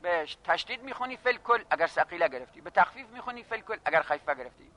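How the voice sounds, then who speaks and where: A man teaching a classroom lesson on grammar, reading phrases slowly and then explaining them briskly while addressing his students. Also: high voice, sing-song, sharp tone. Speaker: seminary teacher of Arabic grammar.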